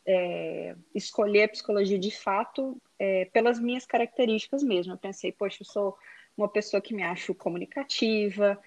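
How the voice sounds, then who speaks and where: A woman's voice: medium pitch, normal speed. Chatty Brazilian woman from Minas Gerais. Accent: Brazilian Portuguese, Minas Gerais. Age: 30s. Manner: chatty, hesitant with many fillers. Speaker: guest, digital influencer. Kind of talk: casual interview chat.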